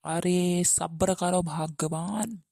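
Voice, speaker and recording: A woman voicing a patient older husband who calms his wife in rustic speech. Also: on the low side, extremely slow, gravelly, no echo, heavily acted. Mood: soothing. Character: calm older father-in-law, the husband.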